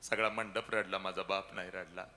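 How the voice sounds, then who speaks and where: A man giving an emotional motivational lecture into a handheld mic, swinging between loud cries and hushed, tearful lows. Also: fairly even intonation, normal speed, slight background noise. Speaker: public lecturer.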